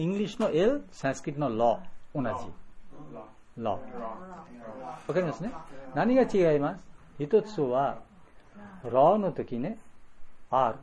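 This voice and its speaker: A man leads a live pronunciation lesson for a room of learners. His voice sits a little high, and he talks haltingly, repeating words, restarting phrases and sounding letters out for the group to copy. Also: dark tone, highs cut off. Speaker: pronunciation teacher.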